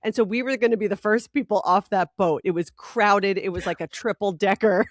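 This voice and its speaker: A woman in her forties tells a story in easy chat, lively and quick to laugh. Her voice sits in a middle range. The sound is dry and close. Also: medium pitch, no echo. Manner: animated storyteller, laughing often. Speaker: podcast co-host. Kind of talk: casual chat.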